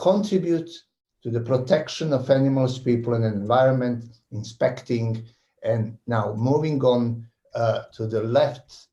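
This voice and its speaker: A man's voice: mid-range voice, dark tone. A man from Croatia presenting on a veterinary webinar, speaking carefully and repeating words now and then. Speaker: veterinary academic panelist. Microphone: video call. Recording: dull, echoey video call audio.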